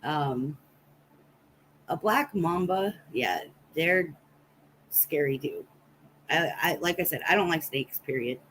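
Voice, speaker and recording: A woman from Nebraska chats with her livestream viewers, spinning rambling anecdotes slowly, with frequent pauses. Her voice sits low but has a fairly bright tone and lively intonation. The recording is rough, with some hiss or hum.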